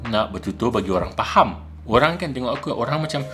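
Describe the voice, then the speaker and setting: A young man with a Malaysian accent talks casually to his vlog audience, slipping English phrases into his speech. His pitch leaps up when he makes a point. Soft music plays faintly behind him. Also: fast talker. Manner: animated, mixes English into his talk, shifts pitch for emphasis. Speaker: vlogger. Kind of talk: casual talk to camera.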